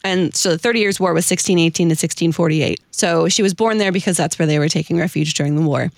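Here a woman with a fairly low, gravelly voice talks fast as she hosts a podcast. She shares a researched story with her co-hosts casually and eagerly, poking fun at herself along the way, and there's no echo.

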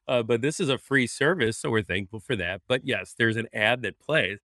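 In clean, echo-free studio sound, this male co-host speaks with a bright, forceful tone, lively intonation, medium pitch and moderate speed. He's a pastor chatting casually about faith on a podcast, easygoing and often laughing.

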